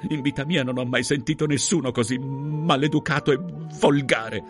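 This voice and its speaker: A man voicing a tearful, indignant young mother who stammers and sobs as she protests, high above his own voice. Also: steady tone, moderate pace, faint music behind, lightly acted. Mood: tearful, shrill. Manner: sobbing, stammering, shrill.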